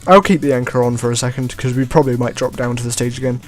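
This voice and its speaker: A man giving relaxed gameplay commentary as a let's play host, often chuckling and trailing off with shrugging asides. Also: mid-range voice, very fast. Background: faint game music.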